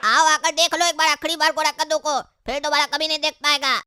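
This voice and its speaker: Cartoon comedy: mocking prankster kid, woman voicing, very bright, dry. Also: sits high, little pitch movement, fast, dry recording. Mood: teasing. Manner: teasing, mocking. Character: mischievous prankster older brother boy.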